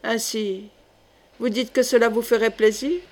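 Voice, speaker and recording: A young knight speaks earnestly, tension held under his courtesy, as a woman reads him in an audiobook. The voice is fairly high and plainly read. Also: fairly even intonation, a little slow, darkish tone, close to an everyday voice. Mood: earnest tense. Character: young male knight, anxious and tense. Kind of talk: audiobook character reading.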